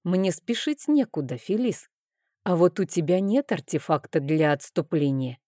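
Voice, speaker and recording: A smug young nobleman with a slow, lazy drawl, read by a woman in a low, mellow voice. The sound is dry and close, with no room around it. He takes his time over every word, sure of himself. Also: very animated, no echo.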